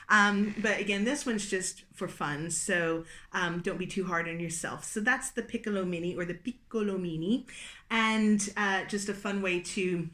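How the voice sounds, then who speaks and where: A woman leading a relaxed singing warm-up lesson, explaining exercises in an encouraging, chatty way and laughing off her own slips. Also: mid-range voice. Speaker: singing teacher. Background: piano.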